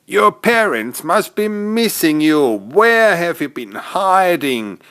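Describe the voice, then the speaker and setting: A man's voice: high-pitched, sing-song, takes it slowly, fairly bright tone, clean tone, pitched above the performer's own voice, exaggerated voice. A man voicing a jolly old Santa Claus, hearty and noisy, in a children's storybook. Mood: mock scolding.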